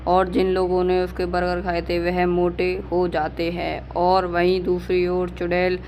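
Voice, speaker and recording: Flat, even story narrator. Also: mid-range voice, unhurried, a little hiss or hum.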